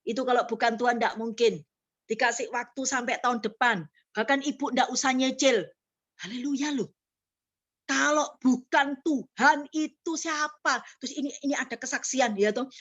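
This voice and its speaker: A middle-aged woman preaches in with a lilt, her voice sitting a touch high. She tells testimony stories and slips into the voices of the people in them, then rises into emphatic urging. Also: steady tone, fairly quick, fairly bright tone. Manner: storytelling, acts out dialogue, rising emphatic exhortation. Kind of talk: sermon with testimony.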